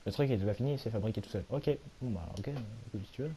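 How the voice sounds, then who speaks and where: A hoarse young man, a little sick, giving rambling, self-mocking commentary while he plays a video game at home. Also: fairly low pitch, fast talker, mellow. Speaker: gaming YouTuber. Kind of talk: casual let's-play commentary.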